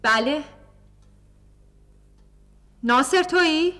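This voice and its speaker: A woman's voice: sits high, lively intonation, a bit bright. An actress playing a frightened young wife in a televised stage drama, telling her mother about her nightmares with an anxious, pleading manner. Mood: tense. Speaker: daughter.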